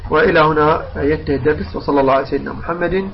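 A man's voice: a little high, racing, muffled recording, slight background noise. A man teaching Quran recitation rules, explaining patiently, repeating points and drawing out the recited examples. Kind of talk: recitation lesson.

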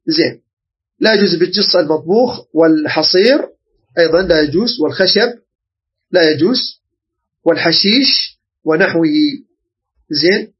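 A man from Iraq with an Iraqi Arabic accent, teaching a religious jurisprudence lesson and often pausing to check that listeners follow. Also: fairly high pitch, breathy edge, dull audio. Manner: explanatory, checks understanding often.

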